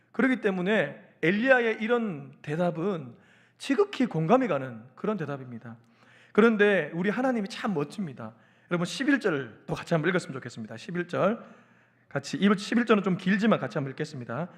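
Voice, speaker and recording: A man preaching a sermon as a pastor, telling the story in an animated, engaging way. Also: high voice, a little fast.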